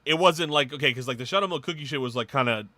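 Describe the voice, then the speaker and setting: A man co-hosting a podcast, rattling off game news in casual, swearing slang with excitement. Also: medium pitch, fast, dry recording. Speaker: podcast co-host. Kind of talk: casual chat.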